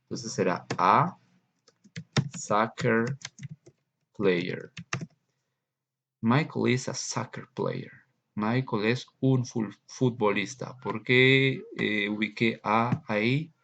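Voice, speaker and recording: Slow gravelly male teacher, lo-fi recording. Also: fairly low pitch, a bit bright, a little hiss or hum. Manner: slow, patient explaining, repeating examples in two languages. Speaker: English teacher. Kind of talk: recorded screen lesson explaining grammar.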